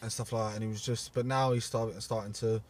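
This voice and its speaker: A young man talks casually as a podcast co-host. He speaks in a relaxed, halting way with many ums and restarts. He sits slightly back from the microphone. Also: on the low side, distant mic. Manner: easygoing, halting, many fillers. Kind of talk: casual chat.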